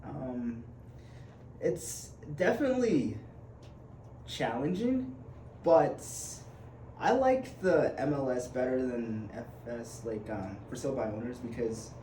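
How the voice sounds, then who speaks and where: A twenty-one-year-old Ugandan man talks casually as a podcast guest, his medium-pitched voice animated, slow, and dark in tone. He's chatty but hesitant, full of fillers and restarts. The room is echoey with background noise.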